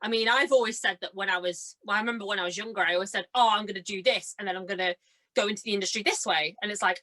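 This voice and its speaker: Her voice is mid-range, pushed and bright as this young adult cosplayer and amateur actor guests on an interview. She keeps things conversational, spinning chatty stories and playing out how she reacted.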